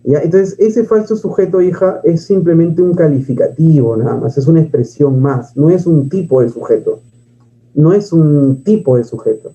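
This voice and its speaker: A man's voice: fairly high pitch, expressive, normal speed, dark tone. A man teaching a grammar lesson, who asks and answers his own questions and reads poems aloud. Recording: dull lo-fi sound.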